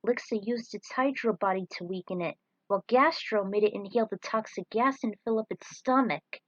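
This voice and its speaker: At a slightly fast clip, a medium-pitched woman dramatically reads aloud an action story she wrote herself, performing as narrator in a scripted style. The audio is close, dull, and lo-fi, without echo.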